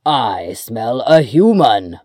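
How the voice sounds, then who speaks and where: A storyteller voicing a man-eating male giant who roars his lines slowly and loudly in a storybook reading. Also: sing-song, no echo, clean studio sound. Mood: roaring. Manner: roaring, booming.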